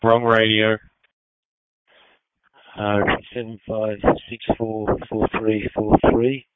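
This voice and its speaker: A man in a field unit calls in over a two-way radio and reads numbers back flatly. His voice sits slightly low and barely moves in pitch. The audio is dry and squeezed into a thin walkie-talkie band. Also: slow, clear, resonant tone, no echo, phone-quality sound. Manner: flat, matter-of-fact readback of numbers. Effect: two-way radio transmission.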